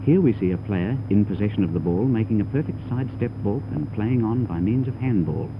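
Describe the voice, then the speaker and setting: A man delivers formal, instructive scripted narration for a 1930s training film, heard on a noisy old soundtrack. His voice is on the low side, with lively intonation and a slightly fast pace, and the sound is lo-fi.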